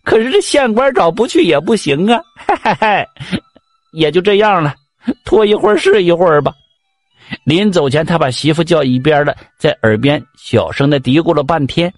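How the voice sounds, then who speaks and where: A man with a Northeastern Mandarin accent tells a village folk tale in a lively, chatty, colloquial way. His voice sits a little high for a man, and the recording is dry and close. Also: normal speed, no echo. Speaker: storyteller.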